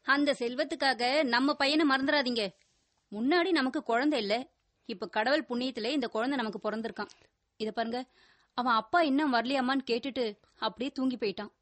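A woman playing a high-voiced sharp-tongued wife. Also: a little fast, dry recording. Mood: reproachful. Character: warm but sharp-tongued young wife and mother. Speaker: wife, mother.

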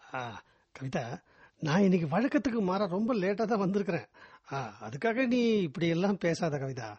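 A man playing a gentle husky-voiced family driver. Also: high voice, sing-song, normal speed, no echo, lo-fi sound, full character voice. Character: kind gentle family driver, patient husband. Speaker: driver, husband.

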